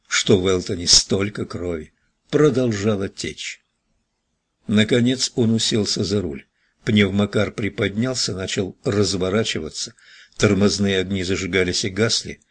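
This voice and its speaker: A male audiobook narrator reads in a measured, dramatic way. His voice sits low and slightly husky. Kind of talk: scripted narration.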